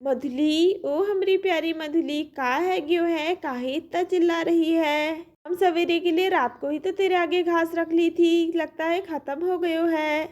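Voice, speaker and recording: A woman's voice: extremely high pitch, fairly even intonation, a little slow, hardly any pauses, darkish tone. A woman voicing a kind, fussy village mother in a cartoon, speaking. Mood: fussing. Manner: fussy, chatty.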